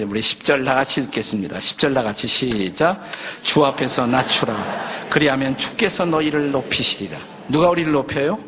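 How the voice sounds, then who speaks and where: An older man, a pastor, preaching a sermon in a lively conversational way, acting out quotes and jokes. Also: mid-range voice, slight background noise. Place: church sanctuary. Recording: long church reverb.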